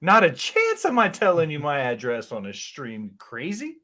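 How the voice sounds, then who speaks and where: A man in casual chat on a stream, teasing his friends and swearing freely in quick banter. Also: on the high side, wildly swooping pitch, bright, forceful tone.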